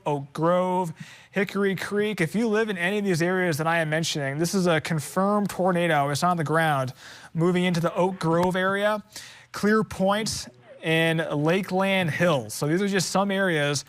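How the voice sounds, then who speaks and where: A man's voice: fairly high pitch, clear, resonant tone. A man giving live tornado warning commentary as a TV meteorologist, urgent and emphatic, in short phrases. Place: TV studio.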